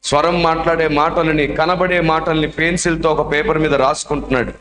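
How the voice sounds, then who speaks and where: A man's voice: fairly high pitch, level tone, fairly quick, fairly bright tone. A male preacher telling a story dramatically and emotionally during a sermon in a church. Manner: dramatic, emotional, acts out the voices. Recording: echoey church hall.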